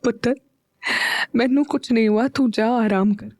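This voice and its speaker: A woman's voice: fairly high pitch, a little slow, warm tone, dry recording, clean studio sound, close to an everyday voice. A woman voicing an elderly Punjabi-speaking aunt who scolds and mutters to herself, in a Punjabi-tinged Hindi accent. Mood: gentle.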